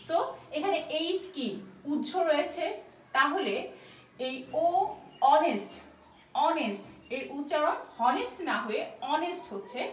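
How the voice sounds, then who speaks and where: A woman teaching an English lesson, explaining step by step and repeating each example sentence slowly and clearly. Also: sits high, expressive, recorded from a distance, a little hiss or hum. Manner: slow, drawn-out repetition of English example sentences. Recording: echoey room, voice somewhat off-mic.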